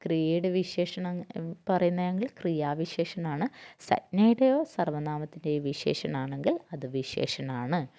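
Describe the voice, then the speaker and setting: A woman's voice: sits low, expressive, unhurried, gravelly, mellow. A woman teaching a grammar lesson, asking herself questions and answering them, going through lists term by term.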